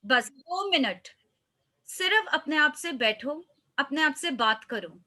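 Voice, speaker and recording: Bright high-voiced woman coach. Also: animated, slow. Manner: earnest, mixes English phrases into speech. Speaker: life coach guest. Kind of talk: motivational interview talk.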